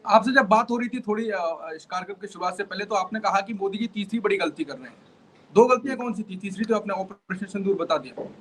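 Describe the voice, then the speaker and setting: A man's voice: high voice, fast, a bit bright, a little hiss or hum, low-quality recording. A man hosting an interview, recapping the guest's points and then asking probing questions. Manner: probing, summarizes then asks. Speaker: interviewer host.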